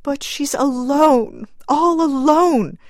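A woman's voice: on the high side, sing-song, takes it slowly, dry recording, pitched above the performer's own voice, full character voice. A woman voicing a grieving young mother in mourning, pleading in a choked, wild voice. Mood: anguished.

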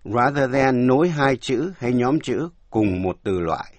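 Slow, careful male English teacher. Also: mid-range voice, animated, dry recording. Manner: slow, careful, spells words out letter by letter. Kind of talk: language lesson narration.

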